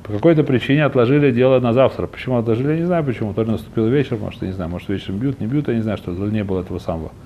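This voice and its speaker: A man's voice: medium pitch, rapid-fire, hardly any pauses, dull audio, a little hiss or hum. A man teaching an informal religious text lesson, often searching for words and rephrasing as he explains and translates. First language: not a fully fluent Russian speaker by own account.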